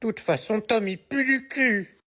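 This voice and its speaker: A man's voice: sits high, a little slow, bright, forceful tone, voice pushed up. A man doing a whiny little boy sulking. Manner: sulky, pleading.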